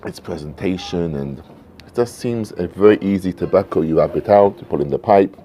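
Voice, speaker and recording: A man in his fifties chatting casually to camera outdoors, in an unhurried, musing manner with frequent pauses. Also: sits low, warm tone. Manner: unhurried, musing, pausing often. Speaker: pipe tobacco reviewer. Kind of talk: casual vlog chat. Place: covered porch outdoors at night. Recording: noisy home-made outdoor recording.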